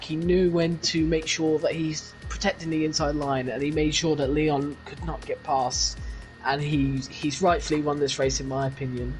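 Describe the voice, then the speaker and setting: A man's voice: fairly high pitch, poor audio. A man giving guest co-commentary on an esports race, speaking earnestly and often repeating phrases.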